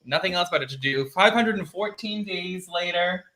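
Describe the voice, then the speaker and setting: A man's voice: sits high, normal speed, bright, forceful tone, low-quality recording. A man co-hosting a live show in a casual, campy, teasing and sarcastic way. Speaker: co-host of a live variety show. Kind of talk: casual bantering live chat.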